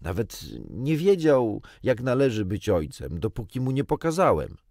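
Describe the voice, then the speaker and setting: A man voices a cheeky, boastful boy, pitching above his own natural voice in a lightly acted, very animated performance at normal speed. The tone is a little mellow, and the sound is clean studio audio with no echo.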